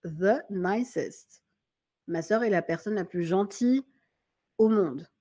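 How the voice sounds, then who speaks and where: A woman teaching an English grammar lesson in French, patiently repeating key points and reading example sentences slowly in a friendly, informal way. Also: mid-range voice, dark tone. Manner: friendly and informal, addresses viewer as tu.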